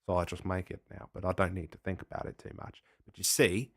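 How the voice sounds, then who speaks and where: A man voicing a boastful Australian salesman who buries chimpanzees, rambling through made-up chemistry in a low, bright voice. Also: steady tone, fast, husky, no echo, clean studio sound, heavily acted. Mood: bluffing salesman. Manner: rambling, sales-pitch bluster with fake chemistry.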